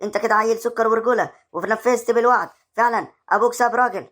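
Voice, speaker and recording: A man's voice: very high voice, a bit bright. A man voicing a boastful middle-aged village man with an Egyptian accent, who teases and swaggers. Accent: Egyptian Arabic. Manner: rapid, swaggering, teasing.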